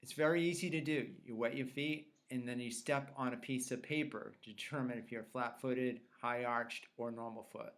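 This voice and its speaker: A man presents an instructional fitness tutorial in a mid-pitched voice. He explains things plainly, one step after another, as a trainer would to clients. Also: fairly even intonation, moderate pace, hardly any pauses. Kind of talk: instructional explanation of self-tests.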